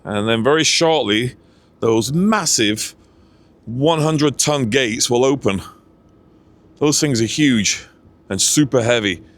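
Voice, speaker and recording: A man's voice: mid-range voice, takes it slowly, long pauses, a bit bright. Chatty man filming outdoors by a canal. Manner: chatty, rambling, laughs at himself. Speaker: ship-watching vlogger. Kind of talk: casual on-location commentary. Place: outdoors beside a canal lock.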